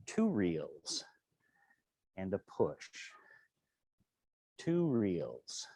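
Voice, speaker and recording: A man teaching tai chi and qigong, calmly and serenely cueing each movement step by step. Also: low-pitched, drawn-out words, slightly rough, no room sound. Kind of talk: tutorial movement cues.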